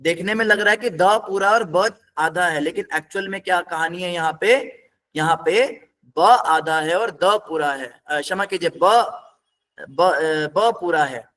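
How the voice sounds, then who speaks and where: A man's voice: high-pitched, a little slow, sharp tone. A man teaching a scripture class, explaining word by word in a patient, step-by-step way and putting questions to his students.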